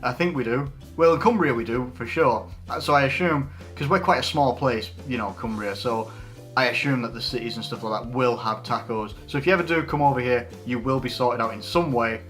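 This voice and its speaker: A man's voice: medium pitch, fairly quick, a bit bright, faint music behind. Rambling man in his twenties answering questions. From England. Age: 20s. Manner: rambling, frequent restarts and fillers. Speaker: YouTuber answering viewer questions. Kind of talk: unscripted casual Q&A.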